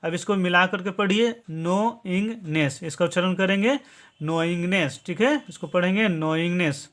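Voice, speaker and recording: A man teaching a spoken lesson, slowly spelling out words letter by letter, repeating each point and ending phrases with a checking "theek hai". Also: high voice, a bit bright. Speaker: English teacher. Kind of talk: classroom-style spoken lesson.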